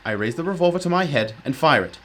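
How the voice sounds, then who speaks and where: A man with a fairly high, expressive voice, close to everyday speech, voices a brilliant, commanding, self-critical detective in a radio drama. He speaks fast and focused, explaining emphatically with old-fashioned politeness, over a noisy background.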